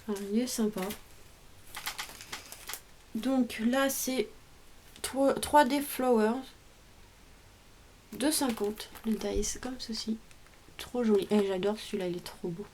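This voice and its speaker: A woman's voice: on the high side, fairly even intonation, a little slow, pauses often, warm tone, a little hiss or hum. A woman vlogger casually showing off a craft haul at home, chatty and hesitant, often trailing off. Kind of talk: casual show-and-tell haul.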